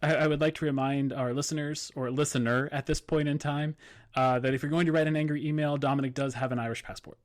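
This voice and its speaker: A man co-hosting a podcast in casual chat, wry and relaxed, with plenty of fillers. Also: a little high, fast. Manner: relaxed, wry, lots of likes and ums. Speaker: podcast co-host.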